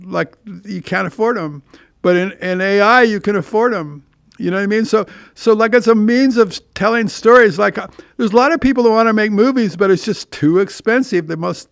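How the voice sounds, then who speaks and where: A man's voice: high-pitched, vocal fry, fairly bright tone, clean tone, no room sound. An older man hosting his own podcast, rambling casually with plenty of swearing and repeated words. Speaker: podcast host. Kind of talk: casual monologue.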